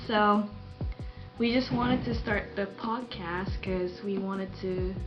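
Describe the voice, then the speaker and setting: A young woman from Japan speaks English with a Japanese accent, slowly and carefully, in a friendly manner. The sound is slightly dull, with music clearly audible underneath. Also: mid-range voice. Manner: slow, careful, friendly, laughs often. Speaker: podcast co-host, visitor services coordinator. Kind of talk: casual chat.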